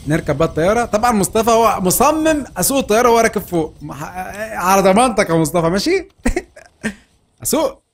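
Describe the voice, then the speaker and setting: A man with an Egyptian Arabic accent giving excited gameplay commentary, laughing and shouting often. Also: high voice, fast talker. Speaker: gaming channel host.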